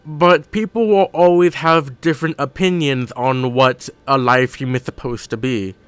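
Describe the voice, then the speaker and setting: A man's voice: mid-range voice, normal speed, fairly bright tone, clear, resonant tone, no room sound. A man streaming a video game, thinking aloud in a rambling way and often correcting himself mid-sentence. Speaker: gaming streamer. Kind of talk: casual live-stream commentary while gaming.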